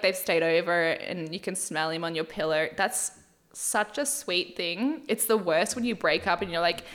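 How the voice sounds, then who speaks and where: A young woman chats her way slowly through a recap on her podcast, unhurried and a bit worn out. She is candid and laughs easily, and she drops swear words without a second thought. Her pitch sits right in the middle. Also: a bit bright. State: tired. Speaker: podcast host recapping a dating show. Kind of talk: casual chatty recap.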